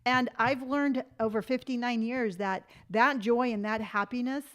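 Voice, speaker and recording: A woman's voice: fairly high pitch, fairly even intonation, measured pace. A woman in her late fifties chatting on a live stream, reading viewer comments aloud and telling stories with emphatic conviction. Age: 50s. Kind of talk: casual live-stream chat.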